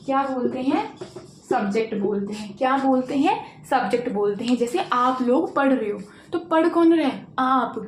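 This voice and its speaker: High-voiced woman teaching in an echoey room. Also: moderate pace. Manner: drills students with repeated questions and answers. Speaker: English teacher. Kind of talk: classroom-style spoken lesson. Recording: echoey room with faint noise.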